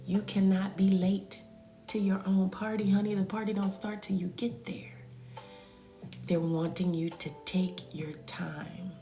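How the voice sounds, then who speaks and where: Low, gravelly woman, live spiritual reader, soft half-whispered reassurance, echoey room with music under. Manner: soothing, affirming, calls listeners pet names, often half-whispered. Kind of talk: live spiritual reading, addressing viewers.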